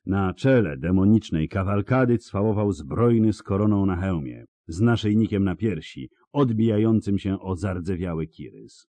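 A man reading a fantasy novel aloud as an audiobook narrator, in a dramatic, expressive storytelling manner. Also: low voice, moderate pace, hardly any pauses, dry recording.

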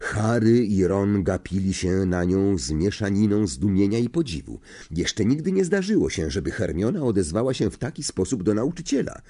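A man narrating an audiobook in an expressive storytelling manner. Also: lowish voice, normal speed, few pauses.

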